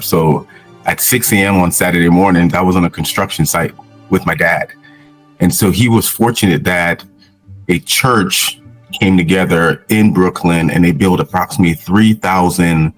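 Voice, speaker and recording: Man, from Jamaica, deep pitch, earnest, measured, filler-heavy, faint music. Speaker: guest, physician. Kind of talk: casual interview.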